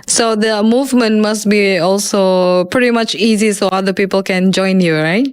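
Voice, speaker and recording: A woman's voice: medium pitch, moderate pace, clean tone. A woman hosting a radio talk show, asking a guest questions and introducing songs. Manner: friendly, leading questions. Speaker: radio host.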